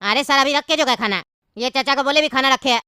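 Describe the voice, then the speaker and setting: A woman's voice: high-pitched, fast, pushed and bright, clear, resonant tone, no echo, clean studio sound. A woman voicing a blunt male train food attendant who scolds passengers in a cartoon comedy. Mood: scolding.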